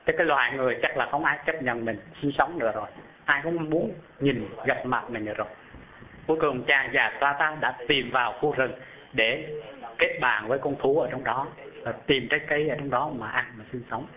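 A man preaching and telling a Buddhist story to an audience, often asking them questions and lifting his voice high as he describes things. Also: fairly quick. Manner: animated, asks the audience questions, rises high when describing. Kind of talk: storytelling sermon. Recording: tinny phone-like sound. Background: live audience.

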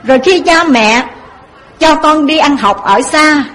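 High-voiced woman preaching a moral story. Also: unhurried, a bit bright, poor audio. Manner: emphatic, directly addresses listeners.

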